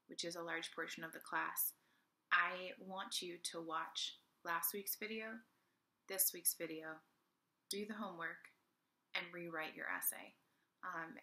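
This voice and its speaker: A woman with a bright, clear voice talks through a recorded English lesson, slow and unhurried. She explains things casually, stopping often for fillers and restarting her sentences. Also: fairly low pitch. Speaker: college English teacher. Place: home, teaching from a cardboard board.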